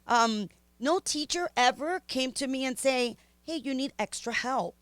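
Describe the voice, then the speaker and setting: Her voice sits high and moves a little slowly, recorded with no room sound. She's a middle-aged Miami native Spanish speaker with a Spanish-influenced Miami accent, sharing her story openly on a podcast in an animated, talkative way full of ums and laughter.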